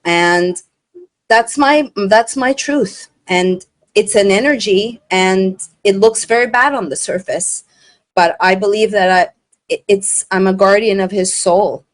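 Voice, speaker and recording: A woman from Montreal, Canada, who is not a native English speaker, hosts a casual interview chat in an earnest, effusive manner, retelling dialogue as she goes. Her voice is mid-range and her pace measured.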